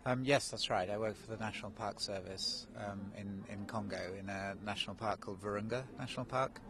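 A man in his forties who grew up in Kenya, a national park director, answers questions in a live outdoor TV interview in the snow, speaking into a handheld mic held by the interviewer. His voice is on the low side with fairly even intonation and a fairly quick pace, hesitant with many ums and restarts, against a noisy background.

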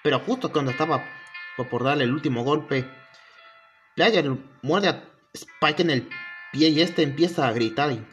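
A man retells a creepypasta in a casual, halting way, often restarting and chaining events with "and then". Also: fairly high pitch. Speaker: storyteller. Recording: faint music behind.

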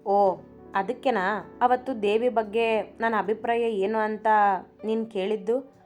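A woman's voice: mid-range voice, steady tone, measured pace, darkish tone, faint music behind, natural voice. A woman voicing a playful young husband who fakes being stern, speaking in a teasing, mock-stern way in a storybook reading.

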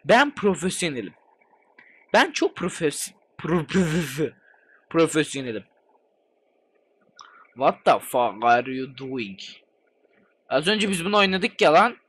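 A man with a high, lively voice commentates a game he's playing. He is excitable and chatty, swears constantly and swings his voice up and down as he reacts. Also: slow, pauses often, husky. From Turkey. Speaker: gaming channel host. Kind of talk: let's play commentary.

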